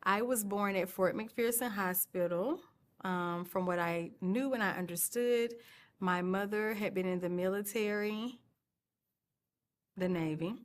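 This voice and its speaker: Reflective woman in her forties. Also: mid-range voice. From Atlanta, Georgia, USA. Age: 40s. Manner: reflective, listing memories in short halting phrases. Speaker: storyteller. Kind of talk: personal storytelling monologue. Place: on a stage.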